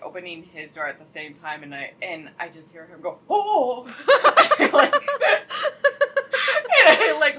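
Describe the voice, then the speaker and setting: A woman's voice: medium pitch, bright, forceful tone, slight background noise, low-quality recording. A young adult woman chatting casually with a friend, telling stories with lots of "like" and frequent laughter. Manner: chatty storyteller, heavy use of "like", laughs often. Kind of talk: casual chat.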